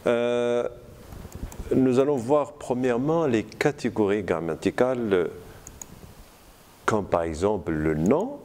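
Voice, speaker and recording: A man giving a university lecture, slow and deliberate, with many hesitations. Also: medium pitch, warm tone.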